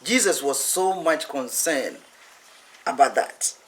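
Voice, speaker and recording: A man's voice: medium pitch, expressive, slow pace, fairly bright tone, rough recording. A man preaching a teaching sermon, speaking emphatically and repeating phrases for effect.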